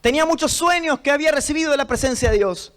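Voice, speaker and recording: Speaking very fast in an extremely high voice, a pastor with an Argentine Spanish accent delivers a church sermon. He tells stories with burning intensity, his delivery climbing to shouts, all captured on a rough recording.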